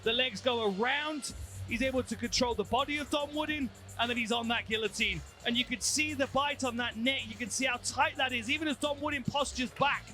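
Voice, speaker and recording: A man's voice: very high-pitched, a little fast, sharp tone, soft background music. A man giving technical colour commentary on a mixed martial arts fight, explaining moves and tactics.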